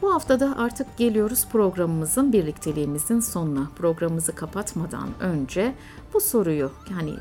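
A woman hosting a radio program, narrating in a measured way with frequent hesitant fillers. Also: fairly low pitch, darkish tone.

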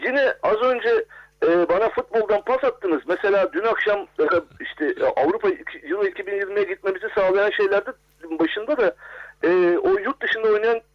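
A man speaking as an academic guest in a radio interview, hesitant, with many drawn-out filler sounds. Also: sits high. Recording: dull lo-fi phone line.

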